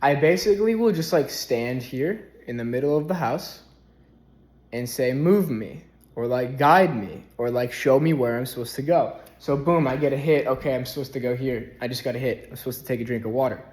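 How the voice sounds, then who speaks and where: A young man speaks in a relaxed, meandering way, stringing thoughts together with lots of "like" and "um". He talks casually to camera for his spiritual vlog from a rented house, his voice at an everyday middle pitch. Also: brisk. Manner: relaxed, rambling, heavy use of "like". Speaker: spiritual vlogger.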